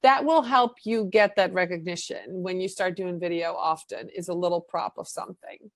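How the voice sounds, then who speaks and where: A woman from the Netherlands with a Dutch accent, a marketing coach chatting as a guest on a video interview, animated and full of fillers. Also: fairly low pitch, moderate pace, gravelly, no room sound. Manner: chatty, animated, fills with "um" and "you know".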